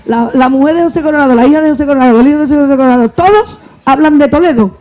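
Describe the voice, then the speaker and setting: A woman's voice: high voice, rapid-fire. A woman with an Andalusian accent, an actress and comedian on a panel, telling anecdotes with laughter and acting out dialogue. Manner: laughing, expressive, acts out dialogue. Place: book fair hall.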